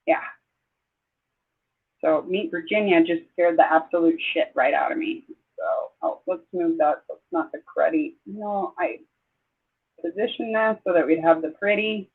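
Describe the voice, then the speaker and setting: An older woman from Southeast Idaho hosting a casual livestream chat, rambling and exclaiming as she gets excited. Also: lowish voice, husky. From Southeast Idaho, USA. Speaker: livestream host. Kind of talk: casual live-stream chat. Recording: tinny phone-like sound.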